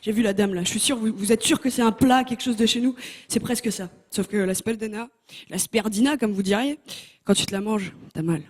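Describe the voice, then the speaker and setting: On a TV talent show stage, a young stand-up contestant works through her comedy routine with a handheld mic. Her mid-range voice runs a little fast, and she playfully teases the audience with lively energy.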